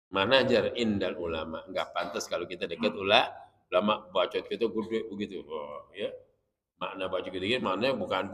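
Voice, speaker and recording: A man's voice: on the low side, a bit bright. Male Islamic teacher, joking lecture style, long hall echo. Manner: jokey, chatty, explains Arabic terms. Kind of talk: religious study lecture.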